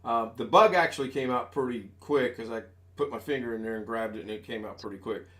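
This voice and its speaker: This American live streamer in his sixties talks quickly in a mid-range, fairly bright voice. He rambles casually from home into a desk USB microphone, folksy and self-deprecating.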